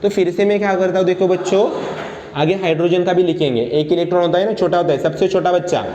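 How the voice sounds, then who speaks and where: A man teaching a chemistry lesson, playful and quizzing his students with quick questions. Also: sits high, dark tone, dull audio. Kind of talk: classroom lecture. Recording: echoey room with faint noise.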